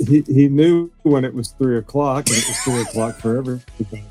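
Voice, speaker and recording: A man's voice: mid-range voice, brisk, mellow, soft background music. A man guest on a live stream, rambling, restarting his sentences and swearing casually. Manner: rambling, profane, restarts a lot. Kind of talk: casual group chat.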